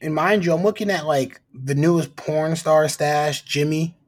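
Male sports podcast co-host, husky, teasing and rambling. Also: on the high side, moderate pace. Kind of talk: casual sports chat.

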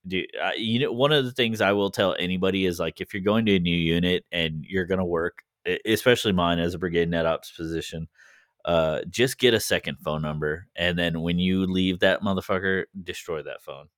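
Low-voiced man in dry casual chat. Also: brisk, a bit bright, dry recording. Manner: blunt, profane, joking. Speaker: podcast co-host.

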